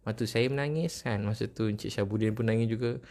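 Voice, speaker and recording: A middle-aged man with a Malaysian Malay accent gives a storytelling sermon in a low voice. He speaks with strong feeling. He repeats himself and keeps turning to his listeners with questions. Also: fast, darkish tone. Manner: emotional, repetitive, asks the audience questions. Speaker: religious preacher. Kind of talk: storytelling religious talk.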